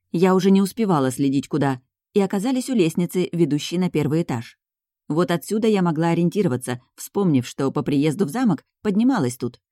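A woman narrating a first-person fantasy audiobook in a wry, lively storytelling manner. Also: lowish voice, no echo, studio quality.

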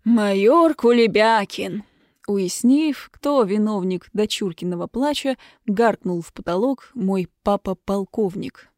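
Female audiobook narrator, expressive comic reading, dry close sound. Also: medium pitch, measured pace, hardly any pauses, no echo. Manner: lively, expressive reading with acted dialogue.

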